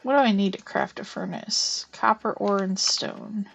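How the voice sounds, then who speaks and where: A young woman with a medium-pitched voice chats easily while she plays, narrating every step of her game out loud. Now and then she hums or murmurs quietly to herself between remarks. The tone stays loose and unscripted, like a friendly live stream. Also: measured pace, vocal fry. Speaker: streamer playing a farming game. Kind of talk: casual live-stream chat.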